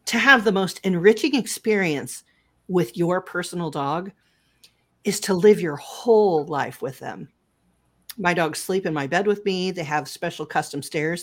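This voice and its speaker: A woman chatting casually and giving her opinions, reflectively weighing both sides of her own argument. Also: on the low side.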